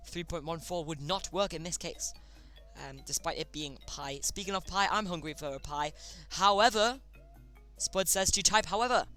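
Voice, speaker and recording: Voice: mid-range voice, normal speed, pushed and bright, soft background music. A streamer casually hosting a chat game live, chatty and often tripping over words.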